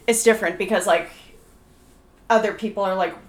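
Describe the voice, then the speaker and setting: A woman's voice: medium pitch, steady tone, brisk. A young adult woman, a podcast guest, earnestly telling stories in casual chat with many fillers. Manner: earnest, filler-heavy storytelling.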